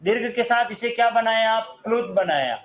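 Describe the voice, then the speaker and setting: Man teaching grammar, high voice, quizzes the class, sings bits of songs as examples. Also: moderate pace, low-quality recording. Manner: sings snatches of songs to show long vowels; asks students questions and answers them himself.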